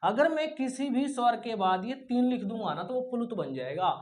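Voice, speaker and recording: A man teaching a lesson who explains step by step, asks questions and answers them himself, and stretches sounds slowly to show how they are said. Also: very high-pitched, animated, darkish tone. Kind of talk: classroom lesson.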